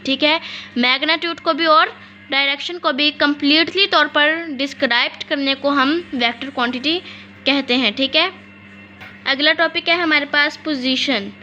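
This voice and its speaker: A woman teacher giving a physics lesson, reading definitions out slowly and asking and answering her own questions. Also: high-pitched, sharp tone, muffled recording. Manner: explains in mixed Urdu-English, reads definitions slowly, asks and answers own questions.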